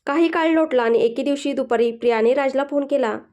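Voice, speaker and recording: A woman with a high, light voice narrates a romantic story. Her reading is gentle and evenly paced, steady from line to line. She tells it the way a storyteller reads a serialized tale. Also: brisk.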